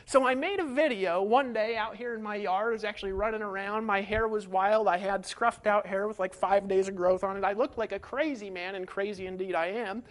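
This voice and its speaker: Fired-up male marketing coach with a high voice, talking straight to camera in a folksy, rhetorical way. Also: a little fast, hardly any pauses. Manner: energetic, folksy, full of rhetorical questions. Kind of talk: webinar teaching. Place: home setup in rural hills.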